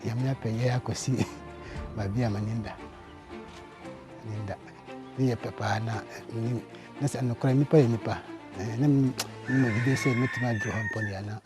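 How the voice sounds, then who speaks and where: A man's voice: medium pitch, steady tone, normal speed, pauses often, music in the background. A man from Ghana giving an interview in his own language, chuckling between phrases.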